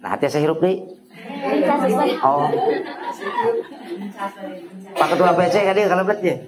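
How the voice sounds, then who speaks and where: A man preaching with a Sundanese accent in a casual sermon, swinging his pitch high and low for effect and slipping into dialect. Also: unhurried, a loud crowd, rough recording. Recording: live talk with ambient noise.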